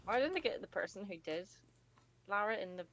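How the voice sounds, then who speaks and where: A woman's voice: medium pitch, lively intonation, fairly quick, fairly bright tone. A woman chatting casually with friends while playing a video game, with urgent bursts during play. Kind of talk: casual gaming chat.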